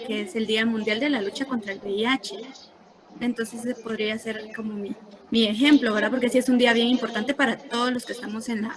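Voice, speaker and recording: Woman student answering in class, earnest, a bit high, crowd noise behind. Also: poor audio.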